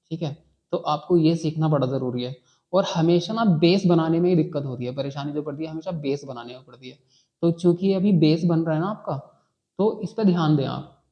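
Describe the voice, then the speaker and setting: A man teaching a beginners' English class in a patient, repetitive way, often checking in with the students as he goes. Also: fairly high pitch. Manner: patient, repeats key words and checks with "ठीक है". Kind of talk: classroom lesson. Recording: dull lo-fi sound.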